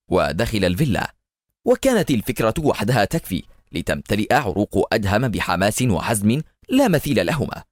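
راوٍ رجل بإلقاء درامي حيوي. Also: male voice, on the low side, no room sound, studio quality. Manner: animated, dramatic reading. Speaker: audiobook narrator. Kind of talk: dramatic scripted narration.

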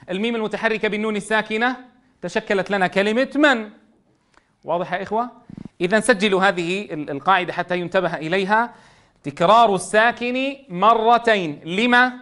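Middle-aged male teacher, high voice, sing-song syllable drills. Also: a bit bright. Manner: drawn-out sing-song spelling, fast explanations between. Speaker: Quran reading teacher. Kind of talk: classroom phonics lesson, spelling syllables aloud.

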